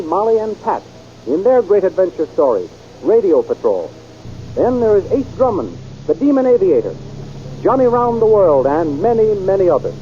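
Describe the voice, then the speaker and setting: Narrating an old radio adventure serial and its sponsor copy, a man uses a dramatic, brisk announcer's delivery in a high voice with a dark tone. The old transcription sounds muffled, with slight background noise.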